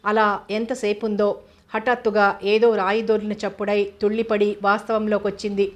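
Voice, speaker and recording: A woman narrating an audio novel in a steady, even reading voice. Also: mid-range voice, moderate pace.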